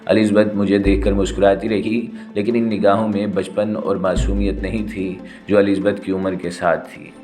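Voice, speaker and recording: A man reading a first-person thriller novel aloud with steady, dramatic storytelling. His voice sits low, and faint instrumental music plays softly underneath the narration. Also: hardly any pauses.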